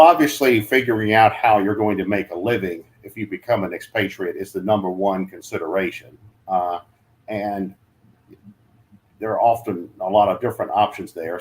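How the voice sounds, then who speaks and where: A man giving relocation advice in a casual chat, hesitant with many fillers and restarts. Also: deep voice. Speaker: guest, relocation adviser.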